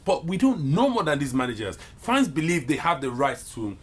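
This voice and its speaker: A man's voice: a little high, big pitch swings, brisk. A man in a casual football discussion, talking emphatically and repeating himself to press his points. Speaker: football pundit. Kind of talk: casual sports chat.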